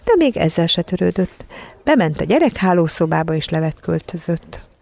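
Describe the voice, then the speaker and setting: A narrator reading a children's storybook aloud in an even, measured way. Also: medium pitch, gravelly, no room sound. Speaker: audiobook narrator.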